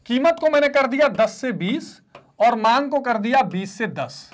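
A man's voice: very high voice, animated, unhurried. A male economics teacher giving an online lecture, mixing in English terms and voicing his students' replies before answering them himself. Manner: call-and-response teaching, asks students to repeat terms.

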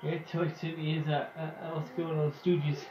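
A man making quick, mumbled asides while friends play a game, heard distantly in a roomy space with game crowd noise. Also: on the high side, flat delivery, highs cut off. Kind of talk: casual chat.

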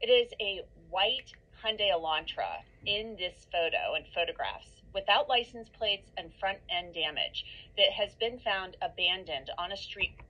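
A woman news reporter delivering a measured, informative broadcast update. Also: mid-range voice, big pitch swings, highs cut off.

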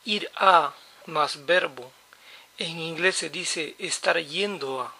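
A man's voice: a little high, slow, gravelly, bright, forceful tone, breathy edge. A man teaching English basics in Spanish, patiently explaining and repeating example phrases. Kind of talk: slow, explanatory lesson.

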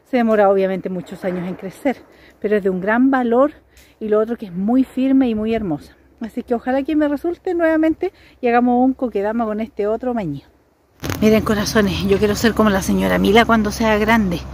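A woman vlogging outdoors in a forest, chatting excitedly and addressing her viewers directly. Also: on the high side, brisk. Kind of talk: outdoor vlog to camera. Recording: noisy outdoor camera audio.

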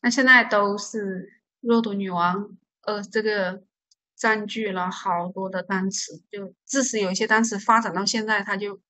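A woman's voice: medium pitch, fairly even intonation, moderate pace, pushed and bright. A woman teaching an English vocabulary lesson, patiently explaining stress and silent letters and repeating each word to drill pronunciation.

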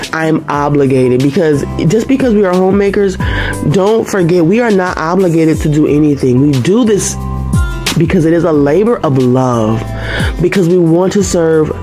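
Earnest woman talking faith while cooking. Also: low voice. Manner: earnest, conversational, preachy. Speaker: homemaking vlogger. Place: home kitchen. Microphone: fixed camera across the kitchen. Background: background music.

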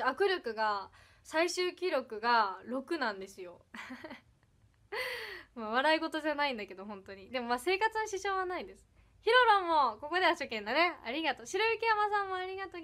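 Young woman, Iyo dialect with Kansai touches, high and bright, bubbly livestream chatter. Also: big pitch swings, moderate pace. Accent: Iyo dialect with some Kansai. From Ehime, Japan. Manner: bubbly, giggly, thanks viewers one by one. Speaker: idol livestreamer. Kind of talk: casual livestream chat reading comments.

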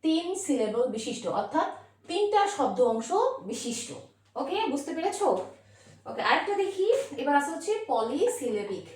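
A woman teaching a grammar lesson, asking questions and stretching out example words. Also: sits high. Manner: lively, questioning, drawn-out word demonstrations. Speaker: English teacher. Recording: echoey room, voice from a distance.

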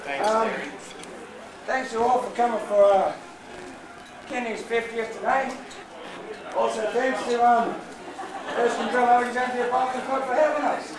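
A man's voice: very high-pitched, fairly even intonation, unhurried, long pauses. A man announcing dances at a party and coaxing the crowd to repeat after him, recorded by a camera from across a large club room. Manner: chatty, coaxing the crowd into call-and-response. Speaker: dance performer. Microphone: far camera. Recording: echoey room from far off, noisy crowd.

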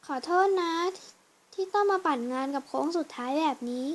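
A woman performing a fan voice drama, switching quickly between characters. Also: sits high, lively intonation, slight background noise. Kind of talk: fan voice drama with many roles.

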